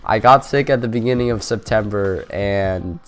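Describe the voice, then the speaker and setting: With soft music behind him, a young gaming-channel host speaks at normal speed in a fairly low voice made nasal and stuffy by a cold. He chats loosely about his gameplay, rambling and using lots of fillers.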